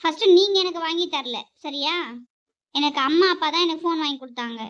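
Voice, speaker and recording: A woman's voice: high-pitched, a little fast, a bit bright. A young woman playing a defiant younger sister. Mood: protesting, pleading. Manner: pleading, protesting. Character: defiant teenage sister scolded by her brother. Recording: dull lo-fi recording.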